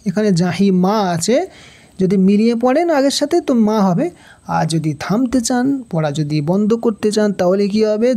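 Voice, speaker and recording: A man teaching Quran reading in a Bangladeshi Bengali accent, spelling out letters and vowel marks slowly and then chanting the verses. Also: high voice, warm tone. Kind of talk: Quran recitation lesson.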